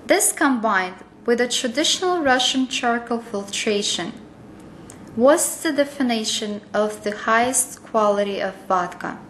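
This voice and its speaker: Woman, corporate training narrator; higher voice, unhurried read, roomy echo. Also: expressive, fairly bright tone, slight background noise.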